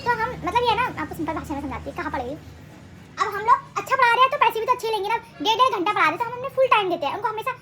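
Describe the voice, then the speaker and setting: A woman's voice: very high-pitched, animated, very fast, bright, forceful tone, a little hiss or hum. A young woman vlogging casually at home on a handheld phone, rambling and correcting herself as she talks. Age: young adult. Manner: rambling, chatty, self-correcting. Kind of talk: casual home vlog chat. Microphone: handheld phone camera.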